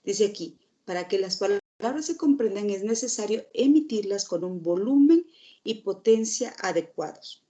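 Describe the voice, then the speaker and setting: A woman's voice: medium pitch, lively intonation, normal speed, mellow. A woman teacher giving a recorded lecture, explaining steadily and asking the class rhetorical questions.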